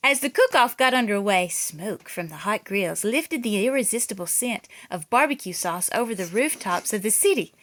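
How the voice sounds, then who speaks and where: This children's read-aloud reader tells a picture-book story dramatically, with theatrical emphasis and hardly any pauses. Her medium-pitched voice is a bit bright, with lively intonation at a moderate pace.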